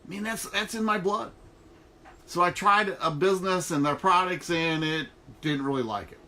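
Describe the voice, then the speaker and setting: A middle-aged online network marketer speaks casually and emphatically in a folksy, motivational vlog recorded inside an RV trailer, with noticeable background noise. His voice sits high, pushed and bright, at a moderate pace.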